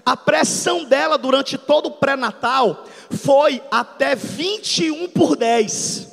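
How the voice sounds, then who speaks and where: A man in his thirties, a pastor, preaching a dramatic testimony sermon that swings from soft storytelling to shouts. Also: very high-pitched, slow, gravelly, long reverb tail. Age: 30s. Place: church hall.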